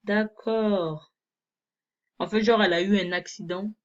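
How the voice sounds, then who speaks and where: A woman's voice: mid-range voice, fairly even intonation, quick pace, dull audio. A young woman reading fan fiction aloud and commenting on it in a chatty, amused way, full of fillers. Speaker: video creator.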